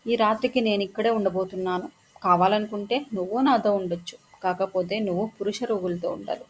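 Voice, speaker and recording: A woman voicing a kind young woman devoted to service, speaking calmly and patiently in a read-aloud story. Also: mid-range voice, a little hiss or hum, natural voice, rough recording.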